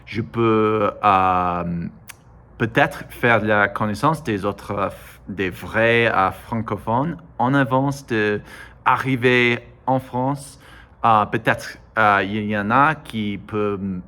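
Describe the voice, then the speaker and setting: A man from the United States, a native English speaker with an American accent, talks casually in broken, halting learner's French, hesitating and correcting himself often. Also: on the low side, bright, forceful tone. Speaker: vlogger. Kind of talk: casual monologue to camera.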